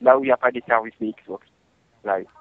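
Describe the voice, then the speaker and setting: A male customer support agent on a customer service phone call speaks politely, repetitively, and reassuringly. His voice is medium-pitched and a little fast. The recording is dry and comes through a narrow, tinny phone line.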